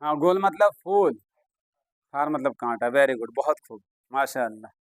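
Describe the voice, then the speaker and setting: A man's voice: medium pitch, animated, moderate pace, no echo. A man teaching an Urdu vocabulary class, chatty and coaxing, often praising his students. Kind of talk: classroom lesson.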